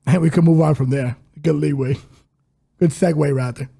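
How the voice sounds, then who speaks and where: A man with a gravelly, warm, fairly high voice gives casual betting takes. He jokes constantly, with puns and loose, crude banter. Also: steady tone, moderate pace. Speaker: podcast co-host. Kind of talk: casual sports betting chat.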